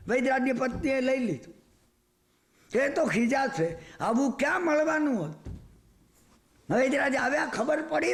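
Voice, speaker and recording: A man preaching a storytelling sermon, animated, often turning to the listeners with asides. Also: very high-pitched, gravelly, roomy sound. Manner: animated, rhetorical asides to the audience.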